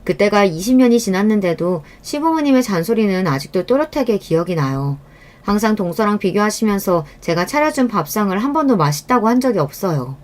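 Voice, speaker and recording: A woman's voice: mid-range voice, expressive, a little fast, a little mellow. A woman narrating a first-person true-life story in a confiding manner.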